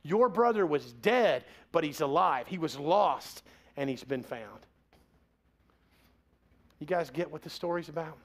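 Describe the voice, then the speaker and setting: A man's voice: fairly high pitch, expressive, a little slow, pauses often. A man in his forties preaching a sermon as pastor, in a conversational, joking way.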